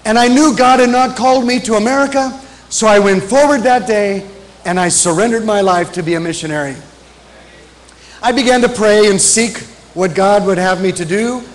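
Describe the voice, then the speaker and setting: High-voiced man preaching an emphatic sermon. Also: rough recording. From grew up in Africa. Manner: emphatic, repeating key phrases, slowing down for scripture. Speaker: pastor, guest missionary preacher. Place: large church stage at a pulpit. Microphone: pulpit microphone.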